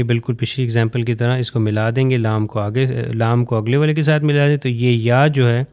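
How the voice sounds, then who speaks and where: A man from Pakistan, teaching Quran recitation patiently and step by step, pointing to written examples and slowing down to recite phrases carefully. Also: medium pitch, a little mellow, smooth. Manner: slows down to recite Arabic phrases with care. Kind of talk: recorded lesson explaining to learners.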